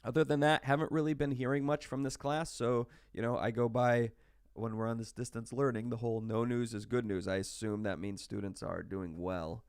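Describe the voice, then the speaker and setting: A man's voice: mid-range voice, fairly even intonation, normal speed, a little mellow, clean tone, no room sound, studio quality. A sick man with hiccups, casually talking through a recorded online math lecture with many fillers and restarts. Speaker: math instructor.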